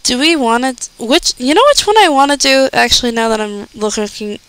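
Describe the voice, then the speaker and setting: A woman's voice: high voice, very animated, a little fast, fairly bright tone, clean tone, no echo, rough recording. A young woman streamer chatting casually and rambling as she thinks aloud while reacting to a video.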